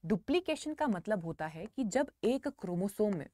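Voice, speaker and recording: Woman teacher, animated up-and-down voice, dry close sound, repeats key words. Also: mid-range voice, moderate pace, no room sound. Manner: repetitive, emphatic, addresses students as children. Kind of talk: online lecture.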